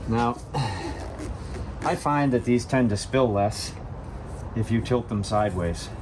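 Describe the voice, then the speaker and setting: In a hands-on car repair tutorial, the host, a man whose cold leaves him stuffy and sniffly, chats informally and covers each step in plain language. His medium-pitched voice is slow, and clear background noise of vehicle work can be heard.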